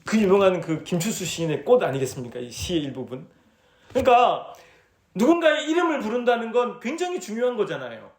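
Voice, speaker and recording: A man's voice: high-pitched, very animated, brisk, roomy sound. A man preaching at a church retreat in a conversational way, asking the audience questions and acting out his own dialogue as he tells stories. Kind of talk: sermon.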